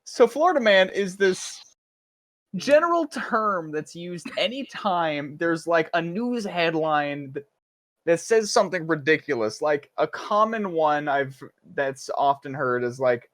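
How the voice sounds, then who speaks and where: A man co-hosting a casual voice-call podcast, excitable and swearing freely as he reads out headlines. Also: fairly high pitch, a little slow. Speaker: podcast co-host. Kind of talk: casual chat.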